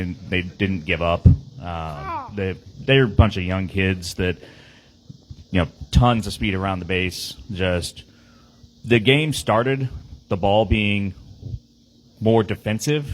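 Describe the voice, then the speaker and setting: A man's voice: low voice, rough recording. A man talking through his team's game on a casual podcast, rambling with lots of fillers and restarts. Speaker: team player on a podcast.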